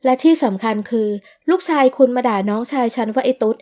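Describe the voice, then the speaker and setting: A woman's voice: fairly high pitch, lively intonation, fast, dark tone, lightly acted. A woman doing a blunt young student sister. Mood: defiant. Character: young female university student, protective older sister.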